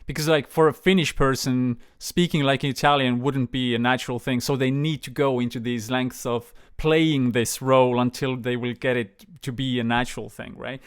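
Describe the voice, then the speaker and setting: Male co-host, mid-pitched smooth voice, eager and animated, casual talk. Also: moderate pace, few pauses. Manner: enthusiastic, animated, restarts words. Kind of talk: casual conversation.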